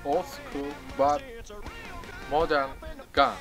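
A camera mic several meters off records a young adult from Turkey, a first-time shooter showing a gun in a gravel field near a truck. Over music, his slightly high, creaky voice swings widely in pitch as he stumbles through accented English and laughs during repeated takes of a gun-safety demo.

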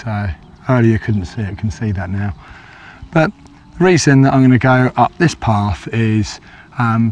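A man holding a camera as he walks over a grassy hillside gives casual, rambling hiking commentary, stumbling over lots of ums and hesitations. His voice is on the low side, darkish and a little croaky, and there's a bit of hiss or hum in the audio.

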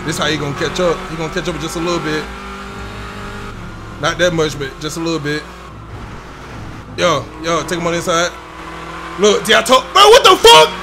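A young man giving excitable, laugh-filled live commentary on his gameplay as a streamer, swearing often. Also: a little high, brisk, long pauses, noisy background. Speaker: gaming streamer.

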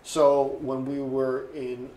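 Slow and mellow, with a level tone and medium pitch, a man in his sixties rambles through stories during an oral history interview. The photographer voices the people he quotes. The recording has an echoey room sound and slight ambient noise.

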